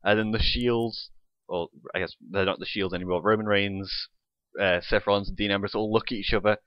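A man's voice: lowish voice, fairly even intonation, fairly quick, dry recording, muffled recording. A young man co-hosting a podcast, recapping a wrestling show play by play in casual chat and swearing freely. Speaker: podcast co-host.

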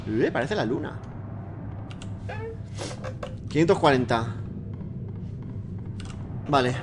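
A man with a Spain Spanish accent doing excitable horror game let's play commentary at a desk mic, swearing and shrieking when startled. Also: medium pitch, slow, noisy background. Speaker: gaming YouTuber. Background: game music and keyboard typing.

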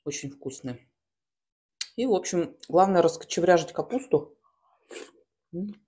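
A woman in her thirties chats casually and slangily while eating in a mukbang, chewing and smacking, with pauses between bites. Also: on the low side, expressive, warm tone, husky. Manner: colloquial, slangy. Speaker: mukbang host. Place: small room at home, at a table.

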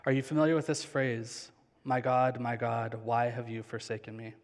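A man's voice: medium pitch, flat delivery. Earnest man preaching in a reverberant hall. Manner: earnest, slows down on key phrases. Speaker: pastor. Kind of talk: sermon. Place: large church stage. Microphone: headset.

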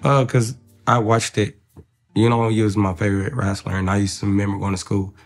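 Man, interview host, gravelly, low-ish, teasing slangy talk. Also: level tone, brisk, faint music behind. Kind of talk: casual interview chat.

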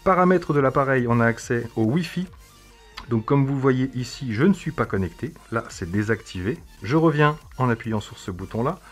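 A man's voice: medium pitch, lively intonation, moderate pace, husky, faint music behind. A man reviewing a tech product, explaining its menus in a casual demo with frequent hesitations. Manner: explanatory, with frequent "euh" fillers.

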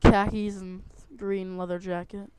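High-voiced young man bantering over a game. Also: little pitch movement, a little slow. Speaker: gaming video co-host. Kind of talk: casual gameplay banter, teasing. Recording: slightly noisy home mic with clicks.

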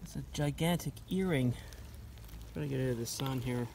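Gravelly man muttering outdoors. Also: medium pitch, a little mellow, a little hiss or hum. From Canada. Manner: muttering, unhurried, talking to himself. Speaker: metal detecting vlogger. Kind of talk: casual outdoor commentary. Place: forest outdoors.

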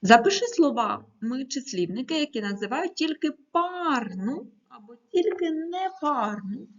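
A woman teaching primary school children in a recorded video lesson, speaking clearly and patiently and giving careful stress to each number as she reads aloud. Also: mid-range voice, fairly bright tone, lo-fi sound.

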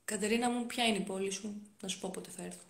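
A woman's voice: mid-range voice, steady tone, gravelly. Chatty young woman live-streaming. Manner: chatty, reads comments aloud and answers them, with frequent soft-spoken asides. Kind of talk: casual live-stream chat answering viewer comments. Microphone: phone. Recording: roomy phone audio.

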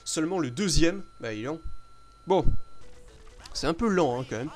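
A man commenting live on his own video game play, excitable, swearing often, with sudden loud outbursts that drop back to mutters. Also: fairly high pitch, moderate pace. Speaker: gameplay commentator.

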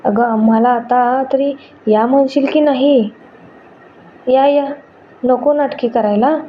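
A woman voicing an emotional, excitable young newlywed bride who talks in a lively, surprised way. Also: high-pitched, takes it slowly. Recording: dull lo-fi with faint noise.

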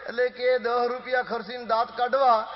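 Folk comic, acts out every villager, dull live recording. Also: male voice, very high voice, flat delivery. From Gujarat, India. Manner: acts out quoted villagers and wife in quick dialogue. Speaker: stand-up comedian. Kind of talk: live folk comedy storytelling. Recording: dull live hall recording with long echo. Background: audience laughter.

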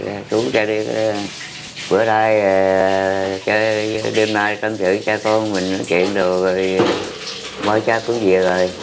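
A man's voice: lowish voice, level tone, unhurried. An older man, chatting casually with family and laughing often. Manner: laughs often between remarks. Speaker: elderly scrap collector, father. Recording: noisy handheld recording.

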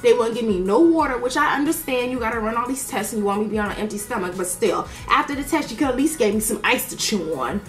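A woman's voice: on the high side, fast, hardly any pauses, roomy sound, faint music behind. A woman telling a story in a casual chat while doing her makeup, blunt and profane, acting out what people said. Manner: animated, blunt and profane, acts out quoted dialogue. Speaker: beauty vlogger.

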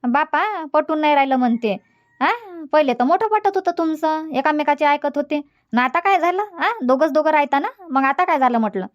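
A woman's voice: high voice, fairly quick, natural voice. A woman voicing a bitter, stubborn elderly village mother in a cartoon comedy, scolding and dismissive. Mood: sarcastic.

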